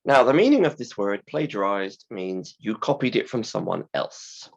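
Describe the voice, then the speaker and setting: A man teaching a class in simple, deliberate, emphatic phrases, his voice hoarse, croaky and creaky from a sore throat. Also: fairly low pitch, sing-song, lo-fi sound. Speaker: university English teacher. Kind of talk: scripted-slide lesson explanation.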